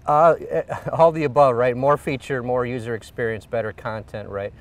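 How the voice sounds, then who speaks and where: A man's voice: medium pitch, steady tone, moderate pace, recorded from a distance. A middle-aged man, an engineering executive, explaining a product in an outdoor on-camera interview with frequent fillers. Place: outdoors beside a car. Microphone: lapel.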